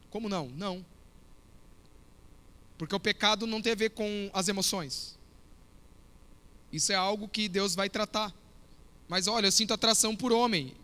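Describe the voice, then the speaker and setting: High, bright-voiced man preaching a sermon. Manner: storytelling, conversational, addresses audience directly. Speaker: youth pastor.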